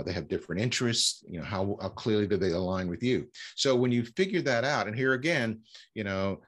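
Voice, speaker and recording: A man speaking as a fundraising consultant in an interview, explaining with frequent fillers and restarts. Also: on the low side. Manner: halting, many fillers and restarts. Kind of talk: conversational interview answers.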